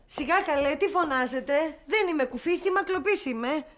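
An actress playing a scatterbrained, chatty nanny in a sitcom, talking in a theatrical, rambling way. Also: female voice, high voice, a bit bright, a little hiss or hum. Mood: lively. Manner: theatrical, rambling, mock-dramatic. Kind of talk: sitcom acting.

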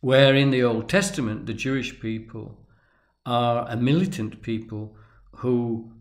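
Man, unscripted lecture, deliberate halting delivery, mid-pitched voice. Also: fairly even intonation. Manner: deliberate, halting, with restarts and emphatic pauses. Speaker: tarot and religion commentator.

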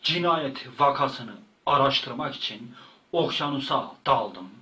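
A man's voice: mid-range voice, lively intonation, takes it slowly, bright, forceful tone, far from the mic, rough recording. A man telling a rambling comic story in casual slang, often repeating and stumbling over words. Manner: repetitive, slangy, stumbling retelling. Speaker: channel host.

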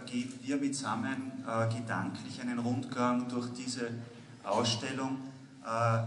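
A middle-aged man, welcoming guests and moderating an on-stage conversation in a polite, formal manner. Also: mid-range voice. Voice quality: polite, formal, with frequent filler pauses. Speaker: museum director and curator, moderator. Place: large exhibition hall, indoors. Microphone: handheld mic. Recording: echoey hall with ambient noise.

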